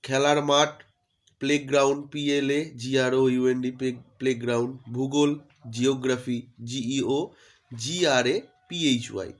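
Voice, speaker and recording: A man's voice: medium pitch, fairly even intonation, measured pace. A man giving a vocabulary lesson, patiently spelling each word out letter by letter. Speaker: teacher.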